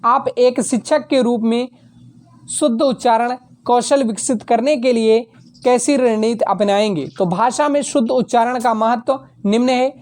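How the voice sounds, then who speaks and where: A woman with a slightly high voice reads exam answers aloud like a teacher dictating notes. She goes through each point steadily and sometimes stops to fix a word she has just said. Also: unhurried, darkish tone.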